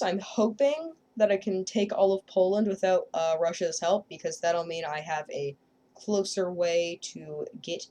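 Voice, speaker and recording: A woman casually commenting on her own strategy gameplay, joking and sarcastic, often trailing off quietly at line ends. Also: lowish voice. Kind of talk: casual let's-play commentary.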